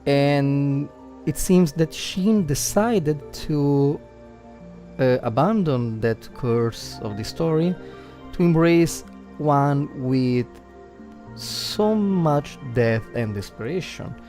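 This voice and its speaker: Faint music plays behind a man with an Italian accent, a native Italian speaker who livestreams casual game commentary. He thinks aloud, hesitant and reflective, often searching for words, in a slightly high, animated, mellow voice at a slow pace.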